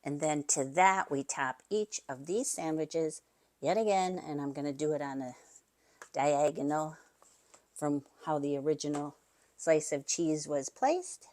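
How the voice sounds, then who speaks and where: A woman's voice: sits low, measured pace, darkish tone. A woman hosting a home cooking video, chatty and enthusiastic, talking straight to her viewers as she shows a recipe. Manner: enthusiastic, chatty, addresses viewers as you guys. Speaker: cooking channel host. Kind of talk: casual recipe demonstration.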